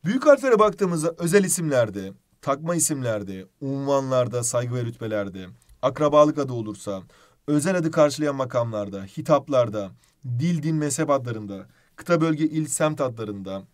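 A man teaching an exam-prep grammar lesson, brisk and emphatic, calling out example words in a raised voice. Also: medium pitch, lively intonation.

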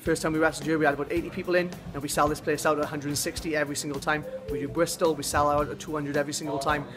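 A man's voice: a little high, flat delivery, racing. A man in his twenties, a professional wrestler giving a promotional interview to camera. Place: indoor community centre room. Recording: loud music bed under speech.

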